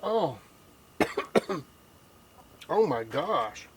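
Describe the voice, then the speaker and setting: An older man, taste-testing a hot barbecue sauce on his cooking vlog, teary and sniffling from the heat, with slow, drawn-out hums and sighs. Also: on the high side, lively intonation, noisy background. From Texas. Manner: slow, drawn-out reactions to spicy food with many hums and sighs. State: teary, nose running from the heat. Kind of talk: casual taste-test reaction.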